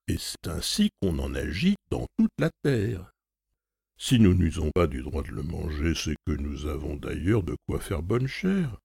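Shrewd, steady manservant, as a male reader puts him on, with a deep gravelly voice and a lively, measured delivery. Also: no room sound, clean studio sound, exaggerated voice. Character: shrewd loyal male servant, calm and persuasive.

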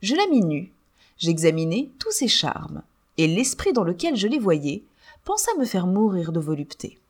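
Audiobook narrator: woman, husky, expressive literary reading with animated pitch. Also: moderate pace. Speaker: audiobook reader.

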